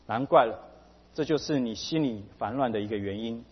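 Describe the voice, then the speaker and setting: A man quoting, in his own husky voice, an elderly pastor who counsels sternly and seriously, recorded dull with a long hall reverb. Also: mid-range voice, fairly quick, natural voice. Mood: grave. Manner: serious, admonishing.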